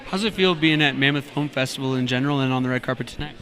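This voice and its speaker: A man's voice: medium pitch, very fast, fairly bright tone. A man hosting a casual live red carpet interview in a friendly, informal manner.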